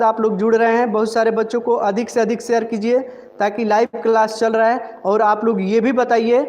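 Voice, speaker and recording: A man teaching a live online spoken-English class, drilling letters and words slowly and carefully in front of a board. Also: high-pitched, darkish tone. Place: room with a board. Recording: long reverb, faint room noise.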